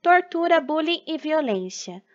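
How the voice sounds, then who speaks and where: A woman's voice: high-pitched, big pitch swings, a little slow, muffled recording. A woman teacher recording a lesson for children, explaining patiently and checking in with frequent tag questions.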